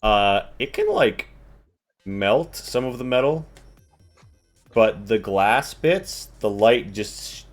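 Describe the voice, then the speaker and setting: Casting: male game master, deep voice, slow descriptive delivery with halting improvisation, light music underneath. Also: animated. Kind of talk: improvised tabletop game narration.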